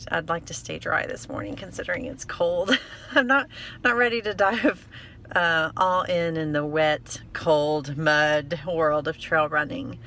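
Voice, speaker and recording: A woman's voice: low voice, a bit bright, slight background noise. A woman chatting casually in a rambling, upbeat, self-deprecating way, like a trail running vlogger talking to her followers. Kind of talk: casual vlog chat to camera.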